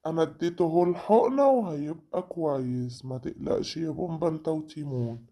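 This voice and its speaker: A kindly jungle animal doctor from a children's cartoon, voiced by an adult. The voice sits at a middle pitch and moves at a brisk pace. It sounds calm and reassuring, with a gently scolding edge. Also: close to an everyday voice.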